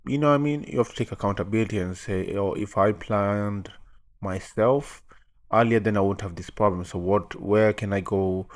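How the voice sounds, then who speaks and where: Low-voiced man casually reacting to a clip. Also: normal speed. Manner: laid-back, chatty, laughing often.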